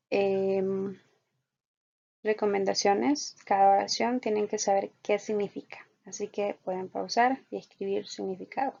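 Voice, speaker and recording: A woman teaching an online English lesson speaks very slowly, with a heavy gravelly fry in her voice. She explains patiently and repeats her example sentences at a careful pace. The recording sounds dull and lo-fi. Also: mid-range voice, a little mellow.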